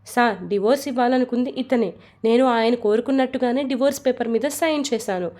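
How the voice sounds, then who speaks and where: A woman's voice: on the high side, brisk, lightly acted. A woman voicing a defiant young wife who refuses her husband's terms in a storybook reading. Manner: defiant, sharp.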